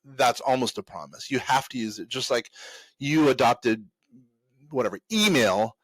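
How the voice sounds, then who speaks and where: A man's voice: mid-range voice, normal speed, dry recording. A man hosting a casual talk show, giving advice to entrepreneurs in a loose, rambling way with restarts and fillers. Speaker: host.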